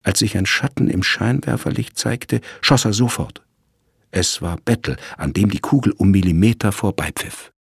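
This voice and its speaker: A man narrating a crime story in a lively storytelling manner. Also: fairly low pitch, normal speed, vocal fry, breathy edge, no echo, clean studio sound.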